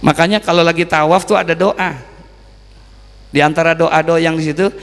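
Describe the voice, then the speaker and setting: A man preaching an Islamic sermon, telling stories in a folksy colloquial way and swinging from loud sung calls to low asides. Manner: folksy Jakarta colloquial speech. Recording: reverberant hall recording.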